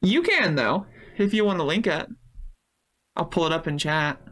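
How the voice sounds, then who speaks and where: A woman's voice: sits low, lively intonation, normal speed, fairly bright tone. A woman streaming live, chatting loosely with her viewers, thanking them and swearing freely. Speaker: Twitch streamer. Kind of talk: casual live-stream chat, reading chat messages.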